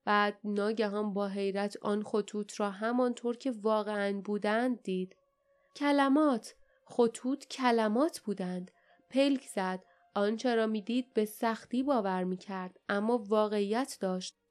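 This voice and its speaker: A woman reading an audiobook in an even, measured storytelling manner. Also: on the high side, smooth. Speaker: audiobook narrator. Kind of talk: scripted audiobook narration.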